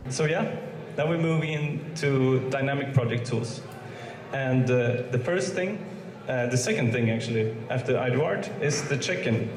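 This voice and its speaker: In a reverberant hall with faint ambience and crowd noise, a young man from Sweden delivers a student presentation. He speaks at a moderate pace in a mid-range voice, hesitating, using many fillers, and restarting often.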